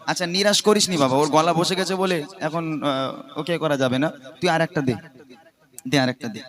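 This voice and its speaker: A man's voice: fairly high pitch, fairly bright tone. Teasing male singer joking on stage. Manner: teasing, joking, gives quick commands. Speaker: gojol singer performing on stage. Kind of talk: playful stage banter with children in the audience.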